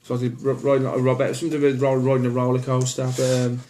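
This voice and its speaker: A man's voice: mid-range voice, completely flat delivery, fast talker, warm tone, a little hiss or hum. Guy chatting about his dvd shelf, lots of ums, laid back. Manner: rambling, lots of ums and restarts; easygoing, plainspoken opinions. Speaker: horror film collector. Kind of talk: casual collection walkthrough.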